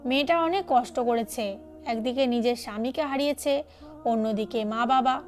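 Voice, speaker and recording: A woman's voice: fairly high pitch, moderate pace, soft background music, lightly acted. Woman voicing Nila, a worried young woman. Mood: anxious. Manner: anxious, pleading.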